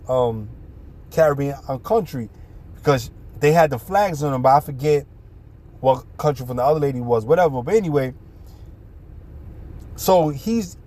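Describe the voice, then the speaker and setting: A man with a New York City accent telling a personal story in a casual, animated way, full of street slang and swearing. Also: on the high side.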